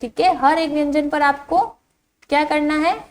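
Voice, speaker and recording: A woman teacher giving a patient lesson to young children, saying each syllable clearly and asking the class to repeat it. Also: high voice, flat delivery, moderate pace, a little hiss or hum. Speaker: primary school teacher. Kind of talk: slow online Hindi lesson for young children.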